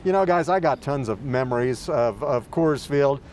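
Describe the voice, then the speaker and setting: A man's voice: medium pitch, expressive, normal speed, a little mellow, a little hiss or hum. A man co-anchoring a morning news show, sharing memories in friendly, anecdotal studio chat.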